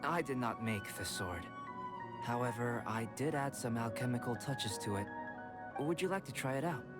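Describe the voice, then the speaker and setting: A cool, aloof young alchemist voiced by a man speaks at an ordinary pitch, measured and exact, never rushing a word. Game music plays clearly behind him. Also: expressive, natural voice. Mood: composed. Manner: measured, precise and unhurried. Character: calm young male alchemist, composed and aloof.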